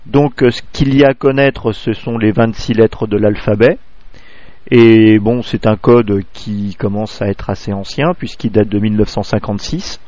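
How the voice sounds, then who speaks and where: A man from France giving a spoken amateur radio lesson, halting, full of fillers and restarts, close to a clipping desk microphone. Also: lowish voice, fairly even intonation, mellow, dry recording, highs cut off.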